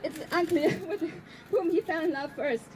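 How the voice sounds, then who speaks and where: A high-pitched German woman, a native German speaker and activist, delivers a prepared speech to an audience. She is earnest and pointed, slowing down for emphasis, and her voice has a darkish tone with a little hiss or hum in the recording.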